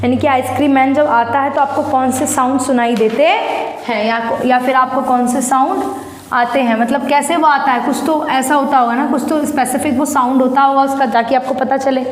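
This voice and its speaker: A high-voiced woman teacher talks young pupils through an English lesson, explaining in Hindi from a blackboard. She is patient and repetitive and spells words out letter by letter. Her voice rings in a roomy classroom with a long reverb tail. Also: steady tone, normal speed. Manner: patient and repetitive, often calls pupils "beta". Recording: echoey room, long reverb.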